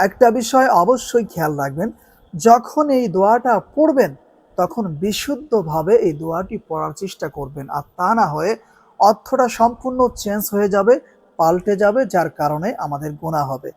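A man's voice: high voice, lively intonation, darkish tone, slightly rough. Brief: male devotional teacher, earnest and instructive, lingers on recited prayer words. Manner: earnest, instructive, stretches recited Arabic phrases slowly. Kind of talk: religious instruction.

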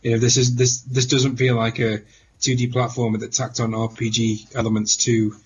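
A man's voice: medium pitch, level tone, moderate pace, lo-fi sound, slight background noise. A man co-hosting a casual game discussion, thoughtful and given to stammering restarts. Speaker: podcast co-host.

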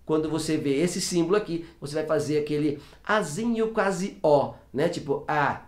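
A man's voice: on the high side, normal speed, a little mellow. A man teaching English pronunciation in a casual video lesson, chatty and repeating example words to demonstrate sounds. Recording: roomy echo.

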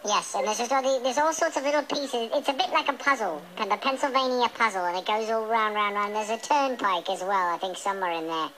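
High-pitched fussy British chipmunk, noisy recording. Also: male voice, brisk, hardly any pauses, pushed and bright. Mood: playful, fussy. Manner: stammering, repetitive, over-polite. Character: fourth, forgotten chipmunk from England, chatty, fussy, theatrical. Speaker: phone-in host character. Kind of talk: improvised comic radio phone-in. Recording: noisy radio played through TV speaker.

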